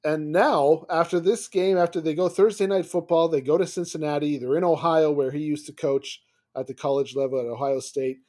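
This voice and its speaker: Guy w slightly high voice, casual sports podcast talk, long rambling takes, lots of restarts. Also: fairly quick. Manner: talks in long runs with restarts, gets animated and laughs when riled. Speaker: podcast co-host.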